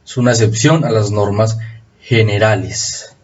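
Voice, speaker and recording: A man giving a recorded spelling lesson, explaining rules slowly and repeating them for emphasis. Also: lowish voice, fairly even intonation, a little mellow, muffled recording. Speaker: spelling teacher.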